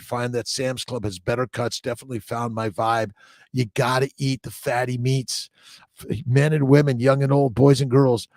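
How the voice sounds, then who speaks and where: This fertility doctor, an American host, runs a casual morning livestream of motivational talk and read-aloud passages, pushing his audience with brief repeated lines and offhand digressions. His mid-range voice is gravelly with a darkish tone, and there's no room sound at all.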